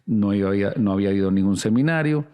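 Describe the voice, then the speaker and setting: A man's voice: fairly low pitch, lively intonation, fast, dark tone, clear, resonant tone. A man preaching a sermon as a pastor, earnest and speaking straight to the listener with direct questions. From Latin America.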